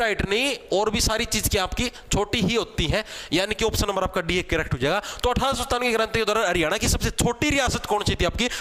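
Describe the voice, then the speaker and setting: A man's voice: high-pitched, a bit bright. A young man with a Haryanvi accent teaching an exam-prep class. He chats and teases, uses joking memory tricks, and keeps checking in with "theek hai". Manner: chatty, teasing, repeats "theek hai" as a check-in.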